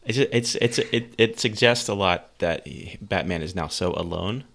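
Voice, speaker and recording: A man co-hosting a podcast in casual chat, with dry, measured, pointed remarks. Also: low voice, creaky, fairly bright tone. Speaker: podcast co-host.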